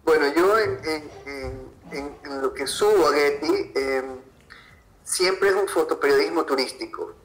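Speaking with an Ecuadorian Spanish accent, this male podcast guest, a freelance photographer, replies in a conversational way. The audio quality is low, and his somewhat bright, fairly high voice moves a little slowly.

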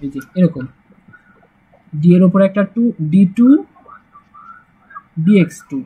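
A man's voice: sits high, animated, slow pace, husky, phone-quality sound. A man teaching a casual math lesson, chatty and joking, with frequent "uh" fillers. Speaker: math tutor.

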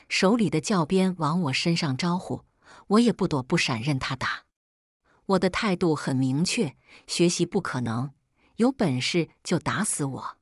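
A woman calmly reading a first-person story aloud as scripted narration. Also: low-pitched, no room sound, studio quality.

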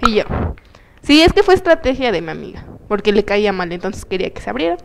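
A young Mexican woman co-hosting a chat show, telling a story in an animated, slangy, playful way. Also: mid-range voice, quick pace, gravelly. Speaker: co-host. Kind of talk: casual chat.

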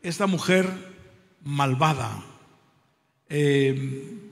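A man preaching a sermon in a church, calling for applause and amens and retelling a story with hesitations and dramatic pauses. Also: medium pitch, gravelly. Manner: calls out for applause and amens, loud exclamations. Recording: long hall reverb.

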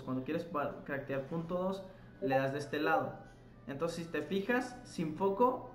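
Chatty man explaining a game in an echoey room. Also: on the high side. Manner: chatty, addresses viewers as "chicos", self-corrects while explaining. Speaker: gaming tutorial host. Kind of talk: casual gameplay tutorial. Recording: echoey room with faint noise.

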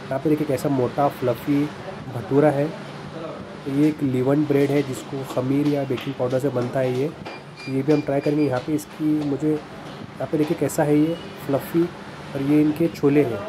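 A man narrating a casual food review in a small café, chatty and enthusiastic, with some hesitant fillers. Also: medium pitch. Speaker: food vlogger. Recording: noisy café background.

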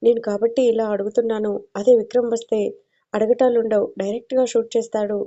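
A woman's voice: a little high, level tone, quick pace, warm tone, lo-fi sound, close to an everyday voice. A woman voicing a blunt male cop sidekick. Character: blunt joking male police officer.

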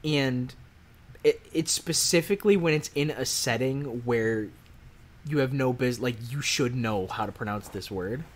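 A young man in his twenties co-hosts a casual podcast chat. He talks in an animated, worked-up way, peppering his rant with fillers and heated asides. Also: mid-range voice, unhurried. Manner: animated, worked-up ranting with lots of "like". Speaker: podcast co-host.

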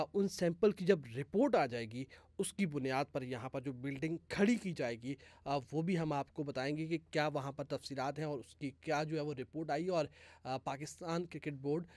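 A male sports reporter, his voice sitting slightly higher than most men's. He reports steadily but fills the gaps with long "aa" sounds. The recording is dry, with little room sound. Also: darkish tone, no echo. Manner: many drawn-out "aa" fillers between phrases. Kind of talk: on-site news report.

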